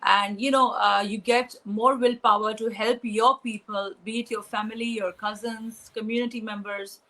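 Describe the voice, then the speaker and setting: A woman's voice: on the high side, fairly even intonation, normal speed, fairly bright tone, rough recording. A young woman from Pakistan answering interview questions, hesitant, with many fillers and restarts. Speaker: interview guest.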